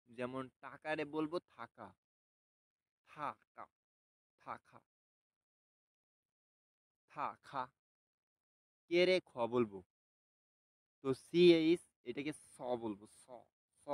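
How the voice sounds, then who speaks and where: A man talks through a lesson at an easy pace in a mid-pitched voice. He hesitates often, fills gaps with small sounds, and repeats single sounds slowly for the listener to copy. The recording is dry and close, with no room sound. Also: darkish tone, no room sound, rough recording. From Bangladesh. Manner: unhurried, hesitant with many fillers, repeats sounds slowly for practice. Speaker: language teacher. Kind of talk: casual spoken lesson.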